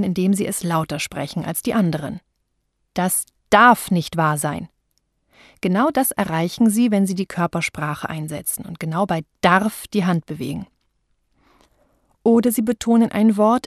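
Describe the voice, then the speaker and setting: A woman speech coach giving a voice training lesson, speaking clearly and deliberately, and slowing down to show how words are stressed. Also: on the low side, a little mellow, no echo, clean studio sound. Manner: clear, deliberate, demonstrates stress with slowed example sentences.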